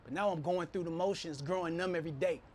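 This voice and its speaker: A man in his thirties gives a steady, reflective spoken word piece at a stand mic. His voice sits slightly high for a man. Faint noise drifts in around him on the open rooftop. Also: quick pace. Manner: steady, heartfelt, reflective delivery. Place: city rooftop, outdoors.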